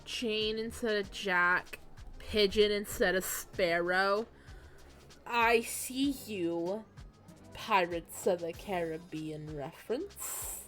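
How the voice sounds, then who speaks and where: A woman's voice: medium pitch, slow pace, a bit bright. A woman giving casual, playful commentary as she plays a video game and reacts aloud. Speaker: game streamer. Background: game music.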